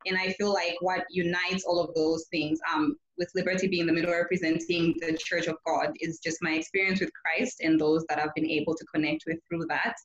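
A woman from Zambia who works as a pastor, telling her own story in an unhurried, reflective way during a conversational interview. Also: lowish voice. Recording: echoey, dull lo-fi remote recording.

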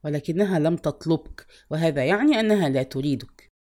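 A woman voicing a gruff young working husband, speaking curtly and firmly as she reads a story aloud. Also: lowish voice, big pitch swings, a little fast, mellow.

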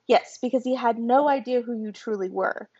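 A woman reading the lines of a gruff, exasperated adult male god who growls at his sibling. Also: on the high side, moderate pace, a little mellow. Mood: worried. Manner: growling, grumbling. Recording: dull lo-fi home recording.

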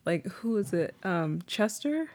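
Animated woman co-host telling stories. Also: mid-range voice, unhurried. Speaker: podcast co-host. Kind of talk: casual chat.

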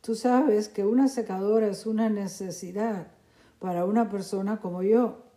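A woman's voice: medium pitch, fairly even intonation, normal speed, warm tone, natural voice. A woman voicing a fussy, vain teenage girl who complains dramatically, in a storybook reading. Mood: complaining.

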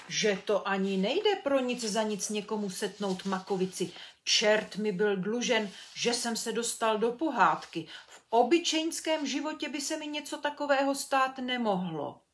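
A woman's voice: mid-range voice, close to an everyday voice. Lady doing a plain-talking storybook woodcutter, grumbly and folksy. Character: simple, good-natured male woodcutter, bewildered.

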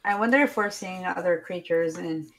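A woman co-hosting a podcast in relaxed, casual chat with jokey asides. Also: lowish voice, normal speed, low-quality recording. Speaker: podcast co-host. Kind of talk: casual chat about a theme park event.

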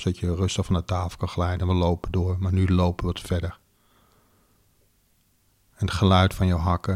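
A man narrating a second-person erotic audio story in a slow, deliberate, commanding way. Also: low-pitched, darkish tone.

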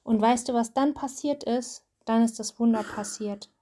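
A woman's voice: a little high, moderate pace, dark tone. A mother telling and reading a Bible story to her child, explaining as she goes.

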